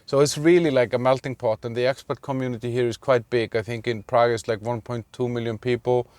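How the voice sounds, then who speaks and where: A man's voice: medium pitch, flat delivery, quick pace, darkish tone, no echo. A man from Iceland talking casually in a vlog, rambling with many fillers and restarts, sitting in a car. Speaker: vlogger.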